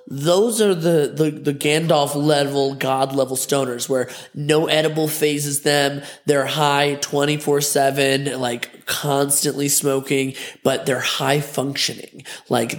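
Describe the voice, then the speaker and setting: A young adult man telling candid, crude stories in a casual vlog monologue, animated and full of fillers. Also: mid-range voice. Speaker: host of a talk vlog.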